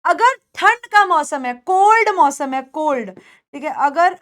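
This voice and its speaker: A woman teaching a spoken English lesson, explaining slowly and repeating words for pronunciation. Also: high voice, animated, fairly bright tone.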